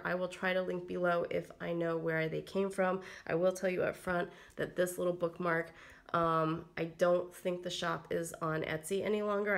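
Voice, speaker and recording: A planner vlogger with a fairly low, gravelly voice narrates a casual plan-with-me session. She's getting over a cold, so she sounds slightly froggy, and her chat is full of ums and likes.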